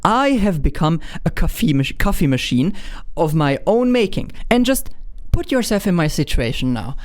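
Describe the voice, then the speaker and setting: A man's voice: a little high, sing-song, normal speed. A young man in his twenties with a Hungarian accent tells a personal story straight to the camera. His voice swings freely up and down. He is candid and self-mocking, and he often stumbles and restarts his sentences. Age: 20s. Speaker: vlogger.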